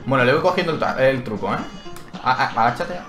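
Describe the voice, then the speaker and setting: Excitable man playing a game. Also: medium pitch, brisk. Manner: excitable, yelps and cries out when hit; thinks aloud, reads menu text aloud. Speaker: gaming channel host. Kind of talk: Let's Play commentary. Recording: roomy echo with game music behind.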